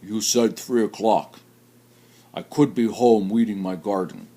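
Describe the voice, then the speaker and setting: Storybook: a fussy, grumbling male bear, low and sulky, as a man reads him. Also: unhurried, warm tone, slightly rough. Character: grumpy punctual male bear.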